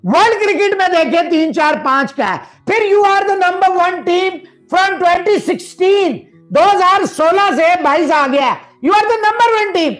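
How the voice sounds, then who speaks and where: High-pitched emphatic cricket pundit. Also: male voice, expressive, takes it slowly, few pauses, fairly bright tone, poor audio. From Pakistan. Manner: emphatic, mixes English phrases, repeats words for stress. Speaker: cricket analyst. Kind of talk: cricket debate commentary.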